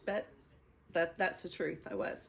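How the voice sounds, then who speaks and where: A woman's voice: lowish voice, steady tone, a little slow, gravelly. A woman in her fifties sharing a personal testimony, speaking candidly and with emotion, often laughing through hard memories.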